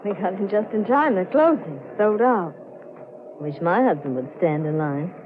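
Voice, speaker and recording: A woman's voice: fairly low pitch, lively intonation, normal speed, close to an everyday voice. A woman playing a poised, agreeable character in a 1940s radio drama, polite and conversational. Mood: friendly. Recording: hissy, narrow vintage radio recording.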